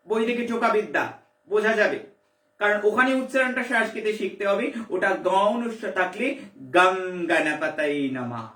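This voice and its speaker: A woman's voice: a little high, fairly bright tone, echoey room, far from the mic. A woman spiritual teacher, giving a devotional lesson emphatically, repeating herself and firing rhetorical questions.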